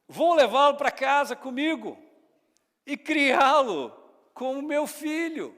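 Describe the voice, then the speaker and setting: A man voicing a decisive young royal princess who gives brisk orders. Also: very high-pitched, lively intonation, big-room sound, pitched above the performer's own voice. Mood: resolved. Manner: commanding, brisk.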